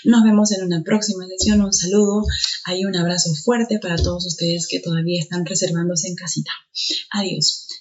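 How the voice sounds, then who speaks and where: A woman teacher gives an online grammar lesson. She explains step by step and keeps checking in with quick tag questions. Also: on the low side, fairly even intonation, a little mellow. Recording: dull lo-fi recording.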